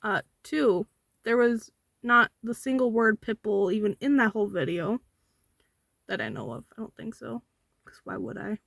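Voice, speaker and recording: A woman's voice: fairly high pitch, lively intonation, moderate pace, creaky, a bit bright, no room sound. Indignant young woman, dry close sound. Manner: indignant, argumentative, counts off points. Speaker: vlogger with a service dog. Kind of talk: casual commentary replying to online comments.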